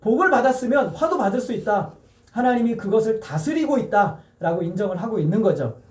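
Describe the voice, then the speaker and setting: A male pastor delivers a sermon in a relaxed, conversational way, putting question after question to his congregation and slowing down to read scripture aloud with them. His voice sits high but has a mellow, dark tone. He is heard from some distance away in a reverberant church hall. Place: church sanctuary. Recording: echoey church hall, mic a bit distant.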